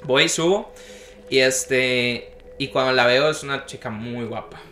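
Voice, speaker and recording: A man's voice: medium pitch, measured pace, a little hiss or hum. A young man, telling a story in casual chat and acting out the voices he quotes. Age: young adult. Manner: animated, acts out the voices he quotes. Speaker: podcast guest telling a story. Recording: roomy echo.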